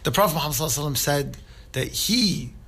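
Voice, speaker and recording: A man's voice: fairly high pitch, lively intonation, very fast, fairly bright tone, breathy edge. A man giving an informal religious talk, earnest and conversational, who often checks in with his listeners. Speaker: Islamic speaker.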